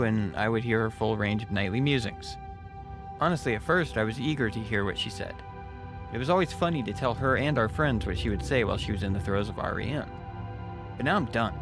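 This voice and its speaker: A man with a mid-pitched voice narrates a scary story in the first person. It is a scripted storytelling read, with clearly audible music underneath.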